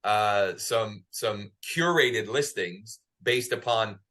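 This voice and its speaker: A man, a real estate agent, speaking on a webinar in a deliberate, pausing way with fillers. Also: fairly low pitch, sharp tone. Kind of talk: webinar talk.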